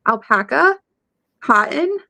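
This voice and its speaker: Slow-talking, giggly woman co-host. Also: sits high, very animated, vocal fry, bright, forceful tone. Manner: unhurried, giggly, easygoing. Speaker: podcast co-host. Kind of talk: casual chat.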